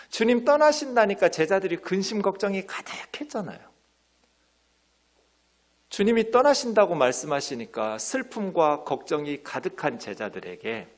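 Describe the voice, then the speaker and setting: A middle-aged male pastor preaching a sermon in a church, lively, sometimes dropping to soft near-whispers. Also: fairly high pitch. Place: church sanctuary.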